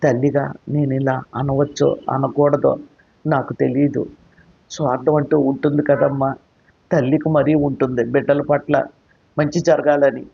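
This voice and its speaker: A woman's voice: very deep voice, level tone, normal speed, gravelly, husky, exaggerated voice. A man voicing an anxious, tearful middle-aged mother who pleads with worry, in a slightly muffled recording. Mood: pleading. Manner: pleading, worried.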